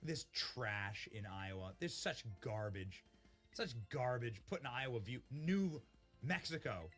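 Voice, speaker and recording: A man hosting a live election-night stream from a studio, giving excited commentary and shouting gleefully at the results map. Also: medium pitch, slow, faint music behind.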